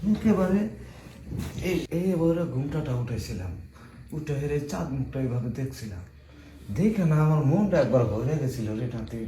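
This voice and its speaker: A man playing an elderly village grandfather who tells old stories and scolds loudly. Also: fairly high pitch, big pitch swings, normal speed, slight background noise. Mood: reminiscing. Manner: folksy storytelling, then loud scolding. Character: elderly village grandfather, later a blustering husband. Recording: roomy indoor recording.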